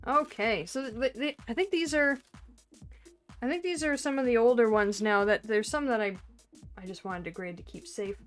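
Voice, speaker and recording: A woman's voice: on the high side, moderate pace, soft background music. A woman vlogging an unboxing off camera, gushing, laughing often and trailing off mid-sentence, recorded on a camera mic at home. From Canada. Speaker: card collecting vlogger.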